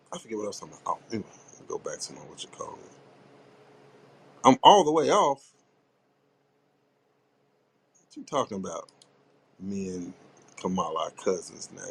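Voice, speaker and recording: This podcast host, a man with a lowish voice on poor-quality audio, chats casually, rambling and cracking jokes. Now and then he reads a book passage aloud, stumbling haltingly through it.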